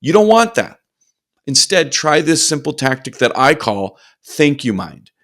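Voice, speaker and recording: A man's voice: fairly high pitch, big pitch swings, measured pace, fairly bright tone. A man coaching in a motivational video lesson, upbeat with playful asides.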